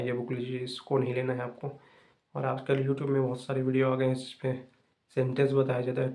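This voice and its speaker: A young man hosts an English-learning channel, giving viewers fast, repetitive, casual advice in a mid-range voice with a darkish tone.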